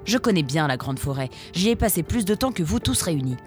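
A woman's voice: on the low side, big pitch swings, fairly quick, soft background music. Woman voicing a tough veteran fox scout. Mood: uneasy. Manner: uneasy, then coldly threatening.

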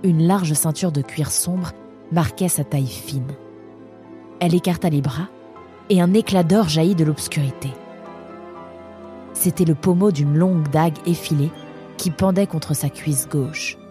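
A woman narrating a storybook in a steady, even storytelling manner. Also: low-pitched, unhurried, pauses often, soft background music.

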